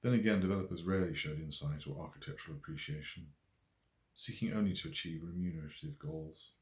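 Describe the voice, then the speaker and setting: Reading his own novel as an audiobook narrator, the author speaks in a deep voice. His delivery of the scripted story is measured, expressive and literary, and the room's echo is audible around the words.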